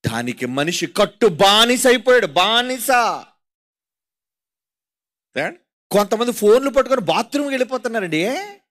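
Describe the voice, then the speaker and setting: A man's voice: sits high, very animated, moderate pace, long pauses, a bit bright. A man with a Telugu accent preaching a sermon, mocking and rhetorical, constantly putting questions to his listeners. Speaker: pastor.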